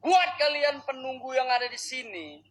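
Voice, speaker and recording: A man's voice: extremely high pitch, big pitch swings, moderate pace, a bit bright. A man live-streaming a spirit summoning, scolding and coaxing unseen spirits in short, clipped outbursts.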